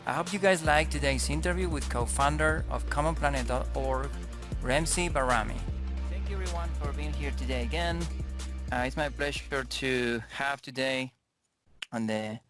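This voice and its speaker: A man's voice: mid-range voice, normal speed, music in the background. A man hosting an online interview over a video call, introducing his guest politely and a little hesitantly. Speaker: host.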